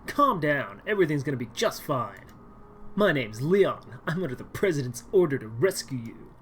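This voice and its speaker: A composed young male agent from a dating game, delivering his lines in a steady, reassuring way, as a woman puts him on. The voice sits low and is spoken slowly and deliberately. He sounds calm and in control. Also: a little hiss or hum.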